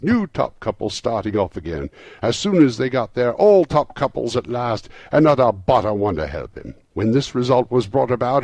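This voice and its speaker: A man reading a story aloud in a lively, rhythmic, dramatic manner. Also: on the low side, creaky, breathy edge, no room sound.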